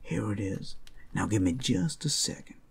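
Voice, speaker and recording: A man voices a playful, flirtatious, friendly werewolf in an ASMR roleplay, teasing and smooth-talking a single listener. His fairly low voice is animated and exaggerated, at a moderate pace.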